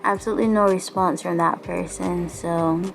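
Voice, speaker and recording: A woman's voice: fairly low pitch, steady tone, moderate pace, gravelly, soft background music. A young woman with a Barbadian accent, recording a personal video diary from a quarantine room and sounding weary, downcast and frustrated, with sighs. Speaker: vlogger. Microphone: self-filmed camera up close.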